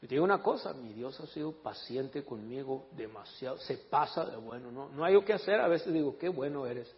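A man's voice: mid-range voice, brisk, breathy edge. A man preaching a sermon in a church, telling stories with jokes and switching into English to read scripture. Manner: animated storytelling, joking with the congregation; reads scripture in English and Spanish. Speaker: pastor. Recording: echoey hall, dull lo-fi sound.

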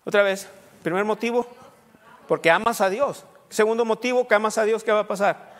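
In a church hall, a middle-aged pastor delivers a brisk sermon in a high, steady-toned voice, a long echo lingering after every phrase. He is emphatic throughout, climbing in pitch and volume to loud peaks whenever he lists his points.

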